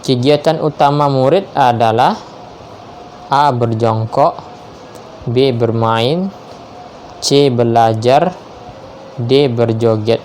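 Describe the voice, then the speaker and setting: A man slowly reading multiple-choice quiz questions aloud and confirming each answer. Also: mid-range voice, a little mellow, slight background noise. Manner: measured, spells out each option, confirms answers with "ya".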